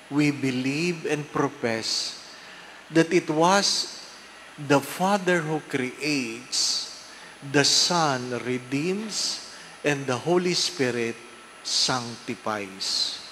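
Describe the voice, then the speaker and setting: Filipino priest in cathedral echo. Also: male voice, a little high, a bit bright. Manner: slow and deliberate, drawn-out phrasing. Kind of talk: reading the Gospel and preaching a homily. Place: large church. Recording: echoey church with long reverb and faint hiss.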